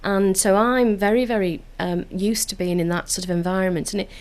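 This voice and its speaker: Speaking fairly quickly in a mid-range, slightly mellow voice with fairly even intonation, this Liverpool woman is a council community engagement officer. She discusses community work in a radio studio interview, sounding earnest and enthusiastic and frequently restarting with fillers.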